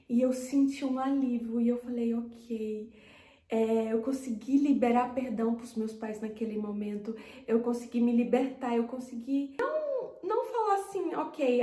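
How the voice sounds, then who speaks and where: A woman's voice: fairly high pitch, mellow. A Brazilian woman with a Brazilian Portuguese accent giving an earnest, heartfelt personal faith testimony. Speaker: faith vlogger. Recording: roomy echo.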